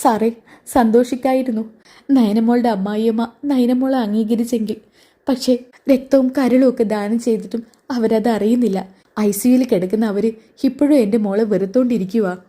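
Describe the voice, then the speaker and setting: A worried middle-aged mother, sorrowful and distressed, read by a woman narrator. The voice stays warm and mellow. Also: medium pitch, fairly quick, close to an everyday voice.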